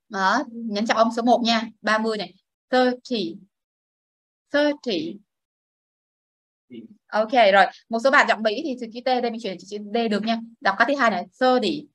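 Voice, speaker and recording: A female English teacher with a slightly high voice leads a lesson for a class of students. She explains patiently and models each word for them to repeat, and the recording sounds close and dry with little room echo.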